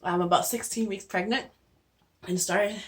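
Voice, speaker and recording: A woman's voice: medium pitch, steady tone, normal speed. Breathless chatty young woman vlogger. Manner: chatty, with many fillers and restarts. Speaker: beauty vlogger. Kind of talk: casual skincare tutorial.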